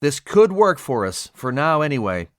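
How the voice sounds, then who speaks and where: A woman's voice: low voice, big pitch swings, moderate pace, dry recording, studio quality, voice pushed up. A man voicing an anxious young female spaceship commander who speaks in urgent, clipped phrases in an audiobook. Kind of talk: audiobook character voice.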